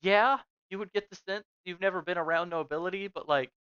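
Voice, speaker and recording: Smooth-voiced game master, slightly muffled. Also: mid-range voice, fairly quick, fairly bright tone, dry recording. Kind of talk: casual tabletop game narration.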